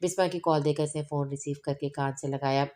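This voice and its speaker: Brief: woman narrator for an audio novel, low, dark, flat delivery. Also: fast talker.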